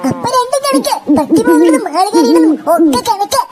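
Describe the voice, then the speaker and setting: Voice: very high-pitched, very animated, fast, very noisy. A performer voicing a cheeky schoolboy in a comic cartoon dub, teasing and mocking. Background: loud music.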